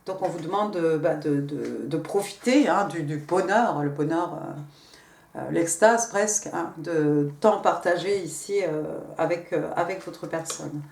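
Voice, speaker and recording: Brief: woman tarot reader, halting and chatty, a bit off the mic in a roomy room. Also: low-pitched, creaky, a little mellow, distant mic. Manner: hesitant, many fillers and restarts. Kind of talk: casual tarot reading. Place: room at home.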